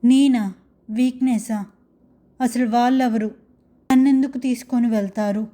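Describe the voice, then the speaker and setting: A woman's voice: fairly high pitch, steady tone, a little slow, mellow, close to an everyday voice. A woman voicing a frightened young woman who pleads and asks questions through tears. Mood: tearful pleading.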